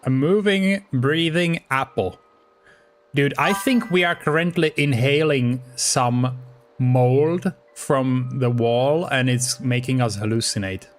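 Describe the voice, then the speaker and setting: A man's voice: mid-range voice, slow, soft background music. A man from the Czech Republic, speaking English with a Czech accent as a chatty, playful streamer who often laughs while commenting on his gameplay.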